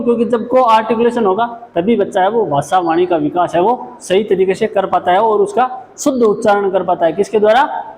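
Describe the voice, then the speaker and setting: Male lecturer, high voice, repeats each point; echoey room, faint hiss. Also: a little mellow. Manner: explains then repeats each point, frequent "ठीक है". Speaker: special education lecturer. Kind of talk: classroom lecture.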